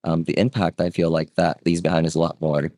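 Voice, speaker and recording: Deep-voiced man in his thirties, easygoing interview guest, chatty with fillers, close and dry. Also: brisk, dry recording. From Vietnam. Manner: relaxed, conversational, frequent fillers and rhetorical "right?". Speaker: guest, real estate agent. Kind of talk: casual interview storytelling.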